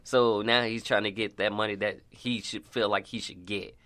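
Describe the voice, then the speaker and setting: A man's voice: on the low side, steady tone, normal speed, fairly bright tone, no room sound. A man co-hosting a casual sports talk show, playful and laughing often.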